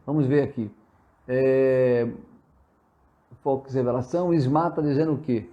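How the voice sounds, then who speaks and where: A man's voice: mid-range voice, measured pace, dull audio. A man with a Brazilian Portuguese accent giving an earnest live sermon-style talk, reading viewer comments aloud and answering them. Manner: earnest and exhortative, reads out viewer comments and replies. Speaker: spiritist preacher hosting a live session. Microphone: livestream from a phone or computer.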